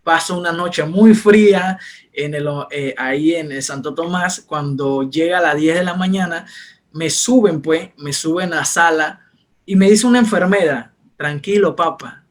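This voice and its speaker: A young man with a slightly higher voice tells his faith testimony in an earnest, conversational way. He drops to a softer voice when he repeats what others told him. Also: a little slow. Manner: earnest, retells dialogue in soft quieter voices. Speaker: testimony speaker. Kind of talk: personal faith testimony, storytelling.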